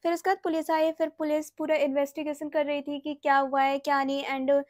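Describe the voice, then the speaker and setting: High-voiced chatty young woman storyteller. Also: flat delivery, a little fast, no echo, clean studio sound. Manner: chatty, drops to a hushed murmur when acting out quotes. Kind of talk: casual storytime vlog.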